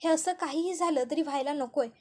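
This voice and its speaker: Woman narrator voices a scheming uncle, anxious and quiet inner musing; high register. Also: a little fast, lightly acted. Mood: worried. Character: scheming uncle, worried and muttering.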